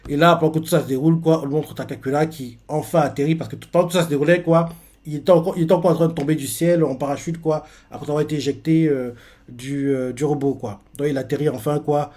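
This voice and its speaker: A man's voice: fairly high pitch, steady tone, fast, a little mellow. A man casually recapping a manga chapter, rambling with lots of fillers and repeated words. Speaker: manga reaction youtuber.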